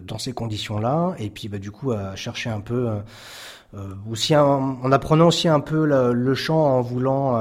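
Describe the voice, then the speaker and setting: Man, young adult, musician guest, hesitant, lots of fillers, mid pitch. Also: darkish tone. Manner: hesitant, many fillers and restarts. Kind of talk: interview conversation.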